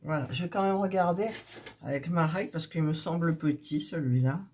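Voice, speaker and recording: A woman's voice: low-pitched, brisk, darkish tone, slight background noise. A sick, coughing woman chatting casually to her subscribers, hesitant, with many fillers as she shows her craft kits. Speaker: hobby vlogger showing diamond painting kits.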